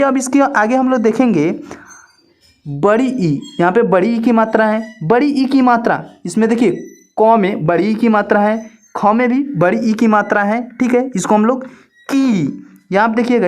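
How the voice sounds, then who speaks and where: A woman, teaching an online alphabet lesson in a patient, repetitive, drawn-out way. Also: a little high, darkish tone. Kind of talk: slow step-by-step alphabet lesson.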